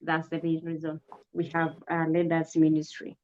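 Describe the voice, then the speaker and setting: Her voice is low, monotone, and a little mellow: a woman pastor in her 40s from Kenya, guesting on a testimony interview. She comes across as earnest and grateful, measured, with frequent "uh" pauses, all in dull lo-fi audio.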